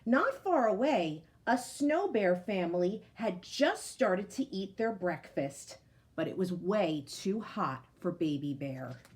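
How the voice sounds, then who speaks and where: A woman's voice: mid-range voice, very animated, takes it slowly. A woman reading a picture book aloud to children, as a teacher. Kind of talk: storybook read-aloud.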